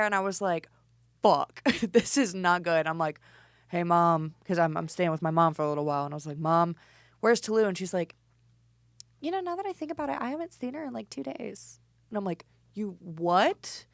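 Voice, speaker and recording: A woman's voice: on the low side, smooth, dry recording, studio quality. A woman in her twenties, a band singer, telling a story in casual chat and acting out her own lines. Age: 20s. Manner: animated, swearing, quoting herself. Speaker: podcast guest, band singer.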